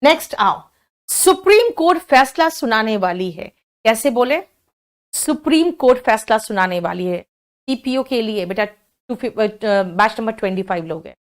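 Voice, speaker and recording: A woman's voice: fairly high pitch, lively intonation, moderate pace. A woman with an Indian accent teaching a spoken English class, patiently coaxing and quizzing her students.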